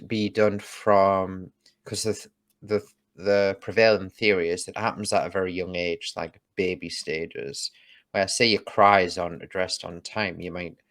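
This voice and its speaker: Lower-voiced man explaining at length. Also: fairly bright tone. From United Kingdom. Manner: explanatory, thinks aloud with restarts. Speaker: guest. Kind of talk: casual conversation.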